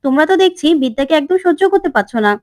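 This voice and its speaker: A woman's voice: high-pitched, animated, racing. A woman reading a cheerful, easygoing man who speaks up supportively. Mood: friendly. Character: cheerful friendly younger brother-in-law.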